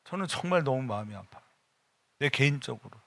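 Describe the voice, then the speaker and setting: Preaching an afternoon sermon in a church sanctuary, this middle-aged senior pastor has a forceful, gravelly, bright voice with lively intonation and a fairly quick pace. Emphatic and personal, he slides from casual talk into sudden loud prayers, his pitch moving widely. Sound is close and dry, without room sound.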